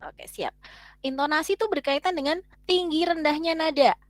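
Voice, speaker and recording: Over a video call, an Indonesian woman teaches an online class at a normal speed, her high voice lively and chatty as she keeps asking the audience questions. The audio is dry and close, with no room echo.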